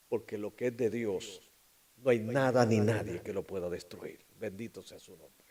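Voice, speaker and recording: Impassioned preaching man, swinging loud to hushed. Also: medium pitch. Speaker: pastor. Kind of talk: sermon.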